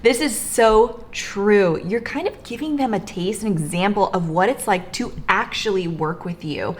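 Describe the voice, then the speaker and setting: A young woman co-hosting a coaching talk, upbeat and agreeable, chiming in with quick affirmations. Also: mid-range voice. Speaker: co-host, business coach. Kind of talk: casual teaching chat.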